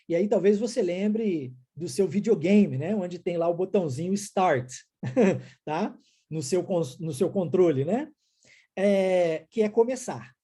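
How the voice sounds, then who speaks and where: Lively, husky-voiced male English teacher. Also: high voice. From United States. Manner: explanatory, keeps checking in with the viewer. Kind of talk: online language lesson.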